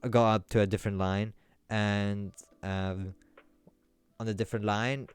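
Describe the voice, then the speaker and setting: Smooth-voiced man rambling on stream. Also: lowish voice, flat delivery, a little slow. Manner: rambling, with many restarts, growing more worked up. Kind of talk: casual storytelling to a live stream chat.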